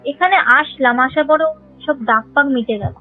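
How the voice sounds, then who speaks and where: A high-pitched woman speaking at normal speed phones in to tell of a ghostly encounter. Frightened yet sincere, she meanders through her recollection. The call sounds tinny, with faint music in the background.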